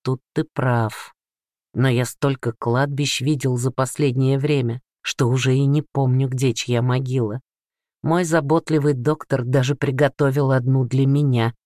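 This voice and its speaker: A man's voice: medium pitch, steady tone, a little slow, a little mellow, no room sound, studio quality, close to an everyday voice. A man doing a weary greying father. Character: troubled greying middle-aged father, patient.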